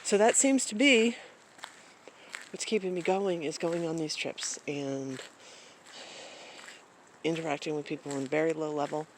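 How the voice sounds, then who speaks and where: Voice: medium pitch, measured pace, long pauses, slight background noise, poor audio. A vlogger talking casually into a phone camera at home, rambling with lots of fillers and restarts. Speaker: travel vlogger.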